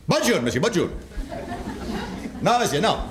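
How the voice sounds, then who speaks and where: A man's voice: high-pitched, sing-song, unhurried, crowd noise. A man putting on a Spanish accent to play an overly polite plumber on the phone. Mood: fawning. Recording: roomy amateur recording with loud noise.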